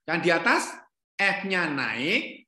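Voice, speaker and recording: Very animated yet very slow, a middle-aged man with a fairly high, sharp voice runs an online calculus lesson. Working from an echoey room at home instead of an office, he questions his students, corrects himself, and says "ya" repeatedly.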